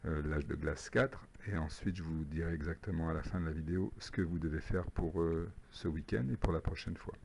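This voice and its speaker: A man, an English teacher recording a homework lesson, who patiently repeats phrases slowly. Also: a bass voice, fairly even intonation, gravelly, a little mellow, slight background noise.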